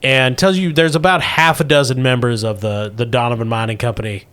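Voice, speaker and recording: Bright-voiced man running a tabletop game. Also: medium pitch, steady tone, fairly quick, clean tone. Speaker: game master. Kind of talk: narrating a tabletop role-playing game.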